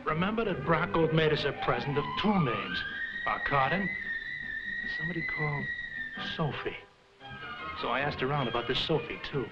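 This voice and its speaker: Man as film investigator over loud music. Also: on the high side, expressive, moderate pace, pauses often, muffled recording, lightly acted. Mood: brisk, recounting. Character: investigator recounting his search. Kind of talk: old film dramatic narration.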